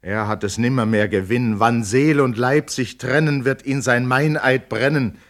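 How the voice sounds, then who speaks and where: A man's voice: mid-range voice, unhurried, voice pushed up, natural voice. A man voicing a pious, pleading old mother. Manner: soft, hushed pleading. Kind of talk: dramatic poetry recitation.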